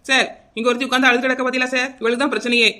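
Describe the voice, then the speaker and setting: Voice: high-pitched, level tone, rapid-fire, sharp tone. A voice actor playing a pushy, complaining village neighbor in a cartoon, heard from off mic.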